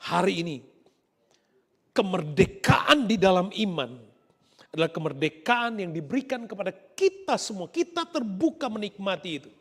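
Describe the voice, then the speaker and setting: Male pastor, high and very expressive preaching voice, soft then loud emphasis, reverberant church hall. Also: normal speed. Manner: animated preaching, swinging between soft asides and loud emphatic lines. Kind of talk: live-streamed church sermon.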